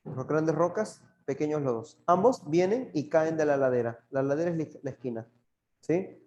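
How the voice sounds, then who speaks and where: A young man with a Peruvian Spanish accent teaches a live geography class, answering chat with teasing jokes. His voice is slightly high yet dark and mellow. The sound is roomy and dull, like lo-fi stream audio. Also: animated, moderate pace. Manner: jokey, laughs often, talks back to chat. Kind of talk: live online class reading chat questions.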